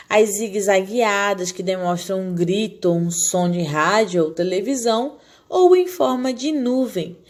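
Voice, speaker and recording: A woman teaching a recorded lesson to young children. She explains patiently and keeps asking the class questions, then answers them herself. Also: medium pitch. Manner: talks down gently to small children. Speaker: primary school teacher.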